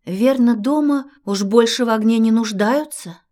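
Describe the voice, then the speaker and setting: A woman voicing a meek, polite young girl in an audio fairy tale, speaking softly. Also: on the high side, moderate pace, close to an everyday voice.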